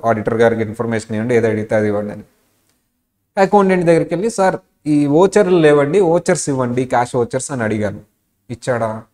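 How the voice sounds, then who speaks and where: A man's voice: medium pitch, a little mellow. Telugu-accented guy teaching a class, talks in a mid voice, throws questions at students. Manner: mixes English into his talk, asks the class questions. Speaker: auditing lecturer. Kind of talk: classroom lecture with acted examples.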